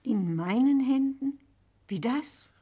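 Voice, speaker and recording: A woman's voice: high voice, lively intonation, takes it slowly, dark tone, husky, heavily acted. A woman playing a dignified, principled noblewoman in a radio drama, speaking in a formal, emphatic, theatrical way. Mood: indignant. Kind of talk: German literary radio drama.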